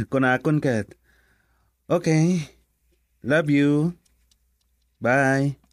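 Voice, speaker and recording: With a fairly high voice and an extremely slow delivery, a Filipino-accented man acts in a radio drama as a grown son who is in love, keen to marry, and reassuring his mother, sounding affectionate and teasing. The sound is clean studio audio with no room sound.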